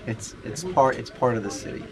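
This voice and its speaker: A man's voice: medium pitch, lively intonation, a little fast, crowd noise. A man with a Pittsburgh accent in a casual interview, talking in a folksy way and repeating his phrases. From Pittsburgh, United States. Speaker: shop owner being interviewed. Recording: noisy location with vehicle ambience.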